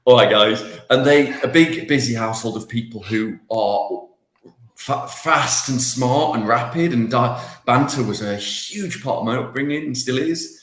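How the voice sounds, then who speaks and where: A man's voice: medium pitch, a little slow, reverberant. A man co-hosting a podcast, talking casually in a rambling, self-deprecating way with lots of restarts. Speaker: podcast co-host. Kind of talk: casual banter.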